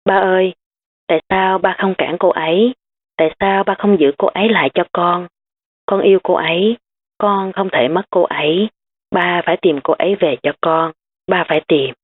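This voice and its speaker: A woman's voice: on the low side, moderate pace, husky. A woman reading the lines of a tearful, pleading young girl in an audiobook. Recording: tinny phone-like sound.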